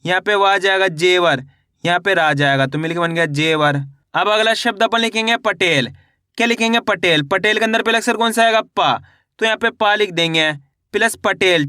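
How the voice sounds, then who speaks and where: A man teaching reading, slowly sounding out syllables and repeating each word in a question-and-answer drill. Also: high voice, sharp tone, clear, resonant tone, no echo, studio quality. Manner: addresses viewers as friends. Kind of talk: step-by-step spelling lesson.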